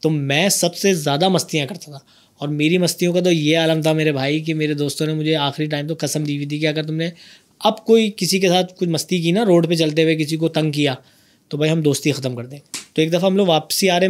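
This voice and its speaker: A man from Karachi, hosting a podcast and telling a childhood story in a lively, animated way. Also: fairly high pitch, a little fast. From Karachi, Pakistan. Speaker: podcast host. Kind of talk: casual storytelling chat.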